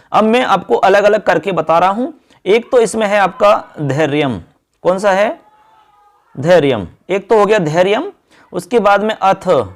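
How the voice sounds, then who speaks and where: Male teacher, high voice, exam-focused lesson, slow verse chanting. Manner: addresses viewers as friends and children.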